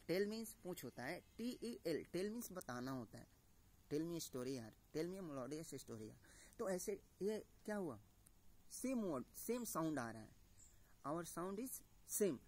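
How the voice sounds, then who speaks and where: A man's voice: on the high side, slight background noise. A man teaching a lesson on word types, mixing Hindi and English words and often checking in with his listeners. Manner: repeats "ठीक है दोस्तों", mixes Hindi and English words. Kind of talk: classroom-style lesson.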